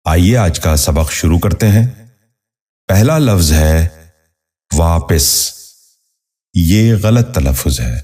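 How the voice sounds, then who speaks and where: A man hosting a scripted pronunciation lesson, speaking in a measured, formal way and repeating each word with care. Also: low voice, very animated, dark tone, slightly rough. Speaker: host and pronunciation teacher.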